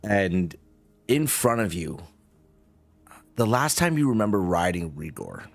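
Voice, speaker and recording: A man improvising narration as the game master of a tabletop game, describing scenes in a halting way. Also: low-pitched, huge pitch swings, gravelly.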